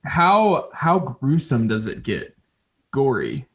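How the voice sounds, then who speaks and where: A man, hosting a casual podcast chat with quick, laughing asides. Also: mid-range voice, huge pitch swings. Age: 30s. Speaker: podcast host.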